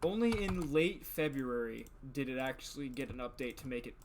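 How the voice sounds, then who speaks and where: A man's voice: mid-range voice, lively intonation, normal speed, background noise. A man streaming a video game in casual chat, congested with a stuffed-up nose, joking and swearing freely.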